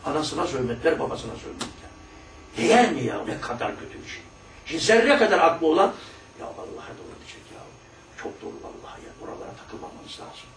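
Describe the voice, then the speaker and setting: A man's voice: a little high, noisy background. Man teaching in an echoey room. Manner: slow emphatic reading, then quiet chatty asides. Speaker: religious text teacher. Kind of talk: reading a text aloud and commenting on it. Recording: echoey room, far from the mic, faint ambience.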